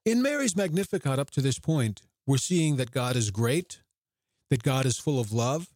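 A man hosting a devotional podcast, speaking earnestly, slowing down to quote scripture and growing animated in his reflections. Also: mid-range voice, dry recording, clean studio sound. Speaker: podcast host.

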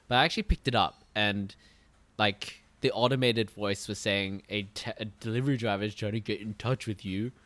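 A young man co-hosting a podcast, telling a story in a casual, animated way, swearing freely and laughing at his own jokes. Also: lowish voice, a little fast, no room sound. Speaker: podcast co-host. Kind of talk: casual chat.

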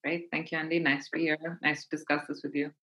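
A woman's voice: low-pitched, flat delivery, fast talker, fairly bright tone, low-quality recording. A woman giving conversational advice as an expert podcast guest, explaining her points with emphasis.

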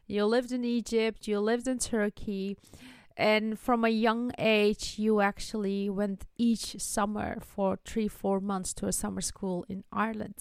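A woman hosting an interview show, speaking in a measured, deliberate way. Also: mid-range voice, little pitch movement, clear, resonant tone. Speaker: podcast host. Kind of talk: interview and scripted intro.

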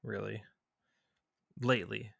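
A man's voice: on the low side, flat delivery, slow pace, creaky, a bit bright. A man co-hosting a podcast in casual chat, hesitant and repeating his words.

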